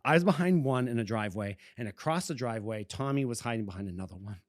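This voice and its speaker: A man's voice: mid-range voice, expressive, quick pace, no room sound, studio quality. A man co-hosting a podcast, telling a childhood story casually and breaking into fits of giggling. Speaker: podcast co-host.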